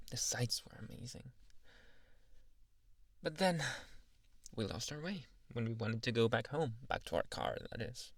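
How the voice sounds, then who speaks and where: Man acting a slow, shy boyfriend, ASMR role-play. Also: mid-range voice, no echo, studio quality. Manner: soft, halting, intimate, teasing. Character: shy, tender, adoring young boyfriend reminiscing.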